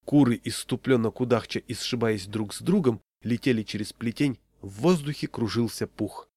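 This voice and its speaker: Man reading humorous story, deadpan, medium pitch, dry close mic. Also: normal speed, breathy edge, no echo. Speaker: reader.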